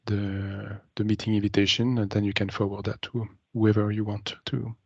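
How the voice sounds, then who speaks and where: Over a slightly muffled, dry video call with no echo, a man presents a planned demo as a business meeting update. His voice is low, level and creaky with a breathy edge, and he often halts with ums and uhs.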